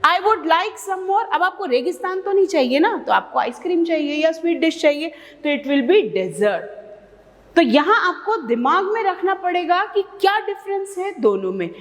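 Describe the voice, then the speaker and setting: A woman from India with an Indian English accent, teaching an English vocabulary lesson, stressing each word with slow care and breaking into quick asides. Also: very high-pitched, very animated, long reverb tail. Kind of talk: bilingual classroom lesson.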